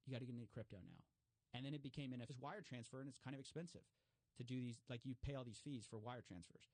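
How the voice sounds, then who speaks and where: Animated man in a dry studio. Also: quick pace, dry recording. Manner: animated, acts out quoted remarks with raised pitch; many fillers and restarts. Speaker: guest commentator on fraud stories. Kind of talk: casual interview talk.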